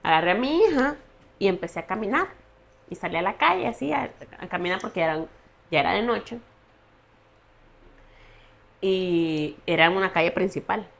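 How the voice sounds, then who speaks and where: A young woman, telling her personal story as a podcast guest in an earnest, halting way. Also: mid-range voice, expressive, gravelly. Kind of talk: personal testimony in a podcast interview.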